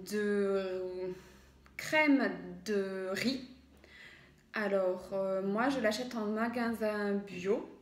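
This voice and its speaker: A woman's voice: a little high, roomy sound. A woman walking through a recipe in a casual cooking tutorial at home, chatty and hesitant, with many fillers and self-corrections. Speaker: home cook demonstrating a recipe.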